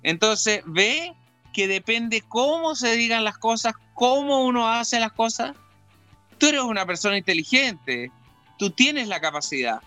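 A man's voice: extremely high pitch, expressive, a little slow, sharp tone, no room sound, soft background music. A man hosting a casual radio chat in a studio, talkative and teasing, lecturing at length. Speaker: radio host.

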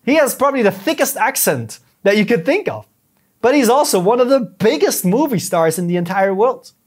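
A man with a slightly raised voice explains things earnestly in a relaxed podcast interview. He often restarts a thought halfway and circles back to make his point. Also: high-pitched. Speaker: podcast guest, YouTube strategist. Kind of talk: casual conversational interview.

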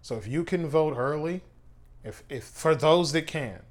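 A man co-hosting an activist talk, speaking in a deliberate, emphatic way. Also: fairly high pitch. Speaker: co-host.

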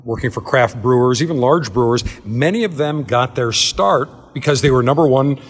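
A man's voice: medium pitch, moderate pace, husky, in a large hall. A man hosting a travel show, interviewing a guest in a large tasting room and telling stories as he asks questions. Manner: chatty, storytelling interviewer. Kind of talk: hosted interview.

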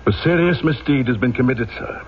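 An actor playing a rigid, coercive police inspector in an old-time radio drama, with clipped, formal, insistent questioning. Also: male voice, mid-range voice, a little fast, close to an everyday voice. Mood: formal, stiff. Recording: dull, noisy old radio broadcast.

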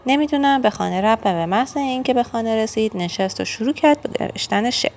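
A woman's voice: fairly high pitch, animated, a little mellow. A woman reading a children's story aloud, acting out each character's lines. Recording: faint music behind.

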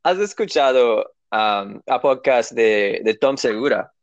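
A man with English as his first language talks in beginner Spanish, slowly and haltingly, reaching for words and dropping into English phrases. His voice has a gravelly, creaky edge. The recording is dry, a little dull and lo-fi. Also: medium pitch, expressive, dry recording. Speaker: Spanish learner. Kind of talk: casual conversation practice.

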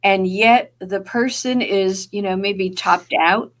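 A woman with a New Jersey accent, a guest author in an interview, speaking thoughtfully and measured, with pauses and fillers. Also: medium pitch, slight background noise. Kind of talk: podcast interview.

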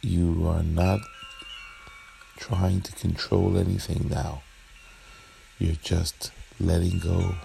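A man leading a guided relaxation meditation in a soothing, gentle, unhurried manner with long pauses. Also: sits low, gravelly, slight background noise.

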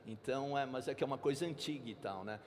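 A man's voice: medium pitch, fast, a little mellow. Laid-back slangy male guest. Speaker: guest singer. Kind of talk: casual chat. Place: studio stage. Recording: long reverb, faint ambience.

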